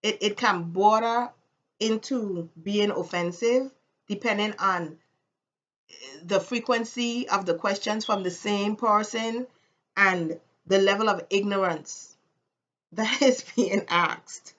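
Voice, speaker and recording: Her medium-pitched, somewhat bright voice comes slowly through a muffled recording, carrying a Caribbean accent from the Virgin Islands. She speaks to camera in a casual, personal way, firmly opinionated. For emphasis she says phrases more than once.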